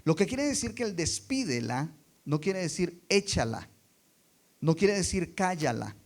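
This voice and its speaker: Expressive preacher, a man with a higher voice. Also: unhurried, gravelly. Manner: expressive, swings between soft and loud for emphasis; asks the congregation rhetorical questions. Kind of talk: sermon.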